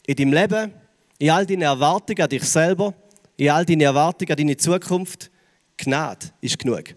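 A man with a Swiss German accent gives an earnest personal testimony to young people as a preacher. He talks haltingly and turns soft and slow on key phrases. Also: on the high side. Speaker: youth preacher. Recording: long hall reverb.

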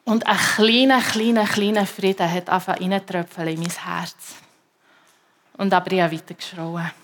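A woman with a Swiss German accent, a preacher giving a personal faith testimony to a congregation in an emotional, halting way that repeats herself. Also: lowish voice, fairly even intonation.

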